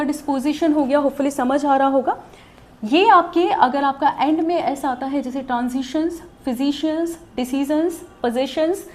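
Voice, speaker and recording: A woman's voice: high-pitched, darkish tone. A woman teaching a shorthand class online, explaining step by step and often checking that students follow. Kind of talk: online lesson.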